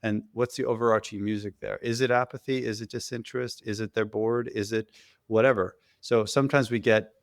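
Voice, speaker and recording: A talkative man hosts a parenting podcast with a gravelly, somewhat low voice. He talks in an energetic, enthusiastic way and is quick to praise. The sound is dry and close to the mic. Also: no room sound. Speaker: podcast host and therapist. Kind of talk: casual podcast conversation.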